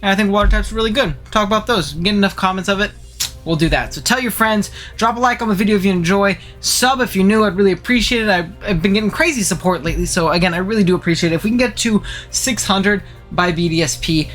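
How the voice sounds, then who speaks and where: A man hosts a casual game-analysis channel, talking fast, chattily and enthusiastically with gamer fillers while sniffling from a head cold. His voice sits high and sounds a bit bright. Soft music plays in the background.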